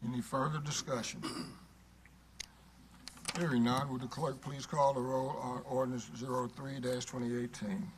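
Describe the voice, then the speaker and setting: A man serving as mayor, running a council meeting in a brisk, businesslike, formulaic way. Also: medium pitch, little pitch movement, low-quality recording. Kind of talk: formal meeting procedure. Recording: clear background room noise.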